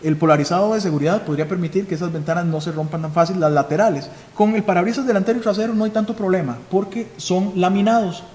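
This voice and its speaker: Costa Rican police chief lecturing in a hall. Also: male voice, high-pitched, fast, few pauses, darkish tone. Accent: Costa Rican Spanish. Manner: instructive, asks and answers his own questions. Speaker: police chief giving a security seminar. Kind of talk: live seminar lecture. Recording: echoey hall with faint noise.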